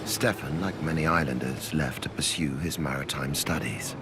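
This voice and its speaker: A man's voice: a bass voice, moderate pace, background noise. A man reading scripted narration for a nature documentary. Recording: music bed behind voice. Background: background music.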